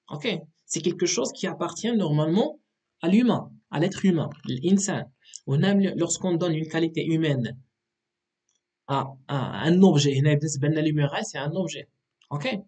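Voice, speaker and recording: A man's voice: on the high side, a little mellow, husky. A man with a Moroccan accent teaching an exam revision lesson, explaining patiently and checking in with frequent "ok".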